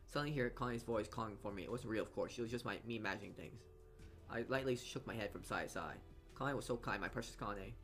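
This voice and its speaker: A let's player reads a visual novel's narration with game music playing behind him. His voice is on the low side, a bit bright and quick, and he often stumbles, fixes his mistakes, and adds comments of his own.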